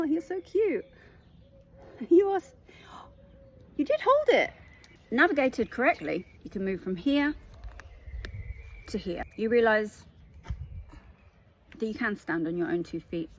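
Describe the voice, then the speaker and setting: A woman giving an emphatic, animated tarot reading monologue. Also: lowish voice, slight background noise. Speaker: tarot reader.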